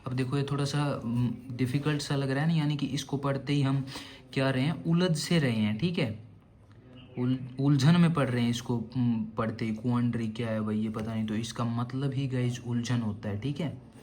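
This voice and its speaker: A man's voice: mid-range voice, moderate pace, a little mellow. A young man teaching vocabulary for exams. He explains memory tricks and keeps saying "theek hai" between points. He asks his own questions and answers them. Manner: explains with mnemonics, says "theek hai" constantly. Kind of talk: online vocabulary lesson.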